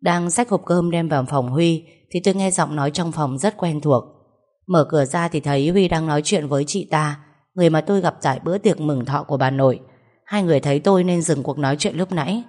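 A young woman with a low voice tells a first-person audio story in a steady, even manner. She sounds settled and unhurried. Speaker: narrator.

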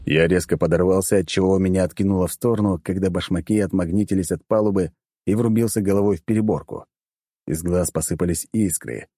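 A man reading a comic first-person audiobook with wry, lively storytelling. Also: low voice, a little fast, no echo, clean studio sound. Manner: lively, wry storytelling that jumps up for shouted lines. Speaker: audiobook reader.

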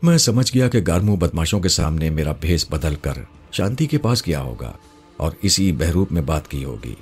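A man reading a first-person story aloud in a measured, dramatic storytelling manner. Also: sits low, very animated, a little mellow, husky, soft background music. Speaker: narrator.

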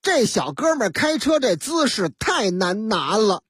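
Husky woman telling a comic radio story. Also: medium pitch, dry recording, clean studio sound. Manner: lively, drawn-out storyteller phrasing. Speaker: radio host.

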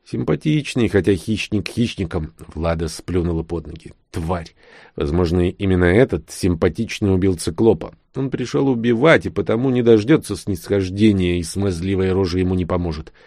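A man narrating a novel in a measured, expressive manner. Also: sits low, gravelly, no echo, clean studio sound. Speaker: audiobook reader. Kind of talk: scripted narration.

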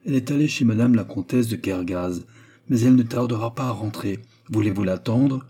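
A man playing a warm-hearted young workshop owner who speaks earnestly and kindly. His low, mellow tone carries a husky edge, in a storybook reading. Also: a little fast.

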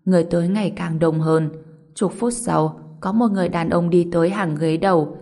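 Woman narrator, audiobook narration, steady and brisk, lowish voice.

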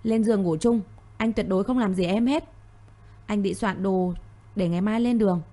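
A woman voicing a firm, protective young man in an audio story. She speaks in her own mellow voice, calm and steady. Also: medium pitch, moderate pace, close to an everyday voice.

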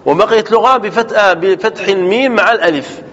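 A sheikh teaching a grammar lesson, explaining slowly and deliberately, repeating points and correcting himself as he goes. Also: high-pitched, a bit bright. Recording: dull lo-fi recording with faint background noise.

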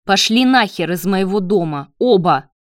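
A woman voicing a shocked, enraged young man in a spoken story, growling and shouting. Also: mid-range voice, lively intonation, a little slow, no echo, studio quality, natural voice. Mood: furious. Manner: growling, yelling.

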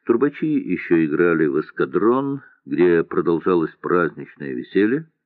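A man narrating a historical novel as an audiobook in a measured storytelling manner. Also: low-pitched, big pitch swings, dry recording. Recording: dry tinny lo-fi sound.

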